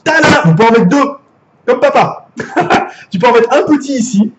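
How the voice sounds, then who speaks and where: A man's voice: very high-pitched, animated, moderate pace, muffled recording, noisy background. A man with a French accent, chatty and jokey, unboxing gadgets live and swearing casually. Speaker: gadget reviewer.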